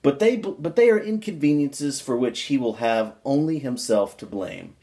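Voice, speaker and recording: A man with a mellow, middling-pitched voice reads aloud from an old book in an amateur dramatic style, with lively intonation at normal speed. He stresses certain words for emphasis and occasionally slips in a wry, muttered aside of his own.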